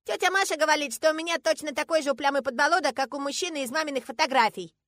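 A stubborn little girl, very high and fast. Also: fairly bright tone, no echo, studio quality. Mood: indignant. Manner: insistent, scolding like a teacher. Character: stubborn five-year-old girl, bold and indignant.

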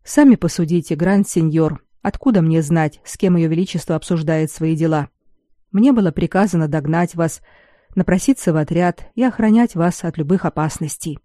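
A reader voicing a foreign male commoner and spy who speaks quietly, carefully and deferentially in an audiobook. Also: mid-range voice, normal speed, dry recording, studio quality, natural voice. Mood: guarded. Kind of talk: audiobook character reading.

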